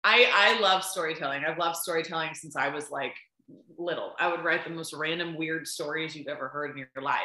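An eager woman in her thirties recounts stories in an animated, chatty way, scattering "um" and "like". Her voice sits a little low yet sounds bright and forceful. The video call picks up a roomy echo. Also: brisk. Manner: enthusiastic, storytelling, frequent "um" and "like". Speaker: baseball sideline reporter and guest. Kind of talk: casual interview chat. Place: home room, on a video call.

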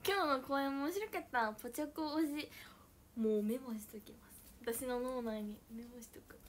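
A young woman chatting casually on a livestream, playful and mock-dramatic, sometimes dropping to soft murmurs. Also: high-pitched, a little slow, a little hiss or hum. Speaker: idol livestreamer. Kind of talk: casual livestream chat with viewers.

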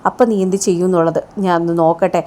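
A woman's voice: lowish voice, steady tone, rapid-fire, dark tone, natural voice. A woman voicing a blunt male friend who mocks and warns a young man. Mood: taunting. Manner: mocking, blunt.

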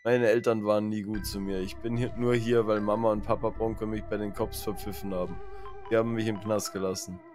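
A man reading the lines of a brawny, self-pitying young crew member from a video game in a whiny, sulky way, with loud game music underneath. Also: on the low side, flat delivery, fairly quick, close to an everyday voice. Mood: tearful.

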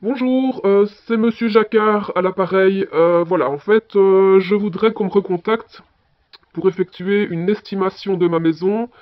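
Insistent male householder acted by a man, high-pitched, hesitant phone message, dull audio. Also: measured pace. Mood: chatty, businesslike. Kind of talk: scripted voicemail role-play.

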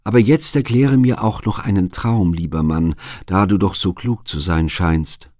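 A man reading the lines of a grieving, dignified queen in a measured, solemn way. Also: sits low, a little mellow, dry recording, studio quality. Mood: pondering. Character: grieving noble queen, woman, doubtful and dignified.

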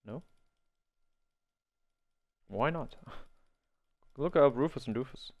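A gameplay video host who isn't a native English speaker rambles and thinks aloud while playing an online role-playing game, chuckling at his own mistakes. His medium-pitched voice is expressive and slow-paced. The audio sounds dull.

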